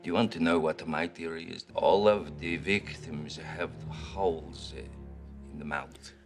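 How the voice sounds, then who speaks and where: An actor playing a middle-aged man who hunts a creature, speaking with a halting French Canadian accent and many pauses. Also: sits low, steady tone, faint music behind. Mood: rambling. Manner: halting, full of uhs. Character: gruff middle-aged male hunter of a creature. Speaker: film character, investigator.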